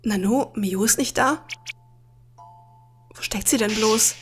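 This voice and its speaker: A woman playing a video game and reading all of its dialogue aloud in her own voice, with dramatic, expressive delivery. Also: fairly high pitch, slow, soft background music. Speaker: Let's Play gamer.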